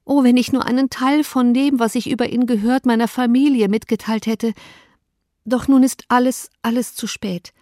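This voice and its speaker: A woman's voice: medium pitch, normal speed, dark tone, no room sound, studio quality, lightly acted. A woman reading an audiobook, voicing a distraught, tearful young woman with a raised, pleading voice. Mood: anguished.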